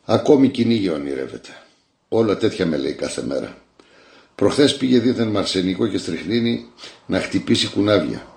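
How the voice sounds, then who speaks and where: A man's voice: low voice, lively intonation, gravelly, a little mellow, reverberant, voice pushed up. A man doing a weary old grandmother. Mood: resigned. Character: old grandmother, weary, long-suffering wife.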